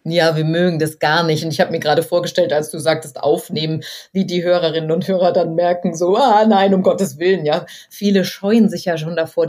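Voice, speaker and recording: A woman voice coach being interviewed, explaining warmly and acting out little quoted reactions as she talks. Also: sits low. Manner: animated, acts out quoted reactions. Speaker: voice coach guest. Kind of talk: conversational interview.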